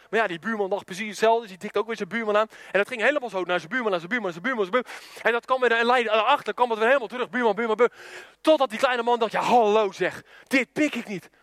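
A man preaching, retelling a story in an animated, chatty way with casual asides to his listeners. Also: high-pitched, dry recording, studio quality. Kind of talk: storytelling sermon.

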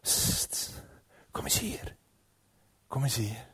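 A man voicing a sly male serpent who tempts in a coaxing, hushed whisper, as part of a sermon's acted story. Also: a little high, expressive, unhurried, no room sound. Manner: wheedling, persuasive.

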